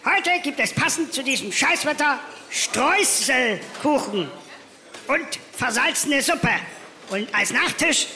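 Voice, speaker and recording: A man's voice: very high-pitched, expressive, slow, bright, forceful tone, exaggerated voice. A man voicing a male canteen announcer, calling out a mock-official announcement through a megaphone, heard from a distance.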